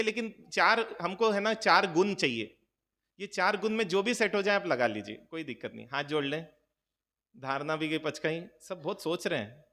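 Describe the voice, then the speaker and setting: Speaking in a high-pitched, pushed and bright voice, a Jain monk addresses a gathering in a relaxed, conversational sermon. He jokes around and fires rhetorical questions at the crowd while a long hall reverb hangs on the sound.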